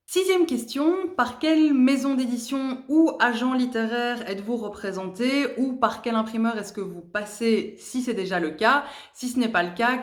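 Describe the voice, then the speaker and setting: A woman's voice: on the high side, echoey room. A woman and aspiring novelist chatting candidly as she answers a writing tag in a casual vlog.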